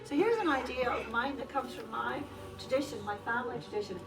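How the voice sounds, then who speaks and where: Hosting a festive dinner, a Polish-native woman speaks to her guests in a playful, teasing, laughing way, giving a lively speech to the crowd. Her high-pitched voice is fairly quick and has vocal fry. She's recorded from a distance over music in a large indoor café hall full of chattering dinner guests.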